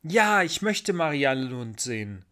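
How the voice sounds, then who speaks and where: A man voicing a cheerful, trusting little girl in a storybook reading, with a high squealing childlike voice. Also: big pitch swings, measured pace, bright, forceful tone, full character voice. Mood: eager.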